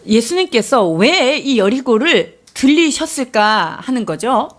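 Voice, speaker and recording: High-voiced woman interpreting a sermon. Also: sing-song, measured pace. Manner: explanatory, adds fillers and restates points.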